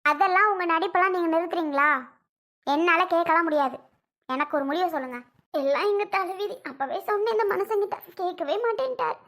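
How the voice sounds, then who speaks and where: A woman's voice: extremely high pitch, brisk, a bit bright. A woman playing a bitter young wife who complains tearfully and scolds as she grieves her family's losses. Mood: bitter lament.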